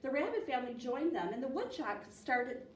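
A woman in her thirties presents storytime, reading a children's picture book in an animated, expressive way. Her high-pitched voice moves at a normal speed in a small indoor library room, picked up by a distant camera mic that makes it sound roomy with faint noise.

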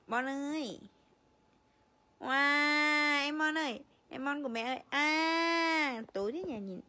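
A woman's voice: high voice, slow pace, pushed and bright. A mother cooing and playfully scolding her baby in sing-song baby talk. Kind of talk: baby talk to an infant on camera.

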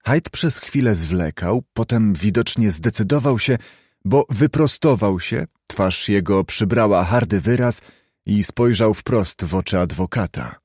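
A man narrating a classic novel in an audiobook, reading at a measured, even pace. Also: on the low side, husky, dry recording, clean studio sound. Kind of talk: scripted literary narration.

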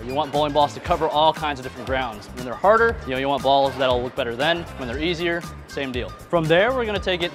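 A man's voice: fairly high pitch, animated, quick pace, few pauses, music in the background. A man in his thirties, a pro bowler, explaining his equipment casually while bowling in an alley, on a lapel mic. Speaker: pro bowler and video host. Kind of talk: casual instructional vlog. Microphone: clip-on lapel mic.

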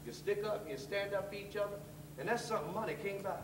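On a theatre stage, a man plays a kindly but wary old Southern janitor at an orphanage who loves the blues and serves as a fatherly mentor. His high-pitched voice stays close to everyday speech as he tells stories in a folksy, drawn-out, fatherly way. The distant camera captures a noisy, echoey recording.

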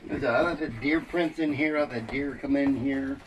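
A man's voice: mid-range voice, moderate pace. A middle-aged man giving a casual, rambling tour of his land outdoors, recorded on a body-worn camera. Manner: rambling, animated storytelling with laughs. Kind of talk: casual chat. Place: outdoors in woods and an old barn. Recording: loud outdoor noise.

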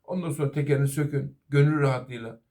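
A man's voice: medium pitch, steady tone, fast talker, dark tone. A middle-aged man, a master auto mechanic, giving an earnest safety talk to fellow workers and apprentices. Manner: earnest, advising, repeatedly addressing "arkadaşlar".

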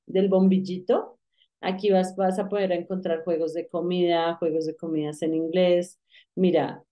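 Unhurried woman teaching. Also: mid-range voice, dark tone. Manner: repeats words, explains pronunciation conversationally. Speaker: English teacher. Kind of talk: casual online English lesson.

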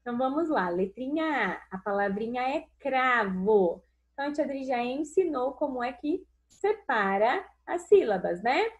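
Sing-song Brazilian woman teacher. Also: high-pitched. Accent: Brazilian Portuguese. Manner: slow, sing-song, stretches syllables and calls pupils "amores". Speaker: primary school teacher. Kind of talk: recorded remote lesson for young children. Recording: dull lo-fi recording.

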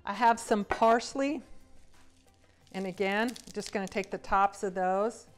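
A middle-aged woman chef talks through a cooking demonstration in a roomy home kitchen. She sounds relaxed and enthusiastic, with a mid-range voice and the odd "um". Faint music plays underneath. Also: mid-range voice, measured pace. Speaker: cruise line executive chef.

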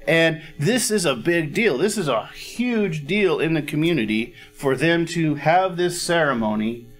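On a church stage dressed with a cozy fireplace set, a middle-aged male pastor delivers a sermon slowly and deliberately, his voice fairly high-pitched and slightly raised. He teaches conversationally, often asking "all right?" to check that everyone follows, and clears his throat now and then. Faint instrumental music plays softly in the background.

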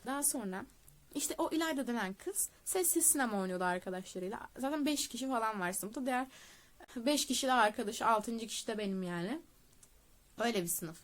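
Young woman, higher voice, casual storytelling vlog, laughs a lot, swears offhand. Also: lively intonation, brisk. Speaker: vlogger. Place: a relative's home, indoors.

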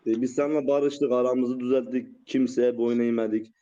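A man on a live stream who talks calmly and pleadingly, urging someone to settle down. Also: mid-range voice, moderate pace. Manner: calming, pleading, repeatedly urging calm. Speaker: livestreamer. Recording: muffled lo-fi stream audio.

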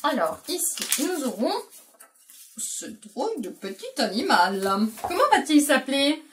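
A woman's voice: high voice, sing-song, measured pace, recorded from a distance, slight background noise. A woman educator explains a syllable game to parents and plays it patiently with a young child, praising often. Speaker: educator presenting a learning game.

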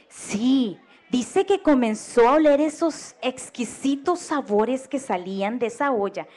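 A Costa Rican woman tells a folk tale to children on a radio program, pausing to ask her listeners questions and get them to join in. Her voice sits high and bright in its register. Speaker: storyteller. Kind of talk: oral storytelling for children.

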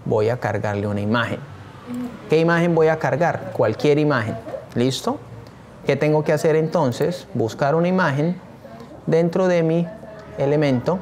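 A man's voice: on the high side, moderate pace, a little mellow, slight background noise. A man teaching a screen-share tutorial, talking eagerly and straight to his viewers. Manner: enthusiastic, addresses viewers directly.

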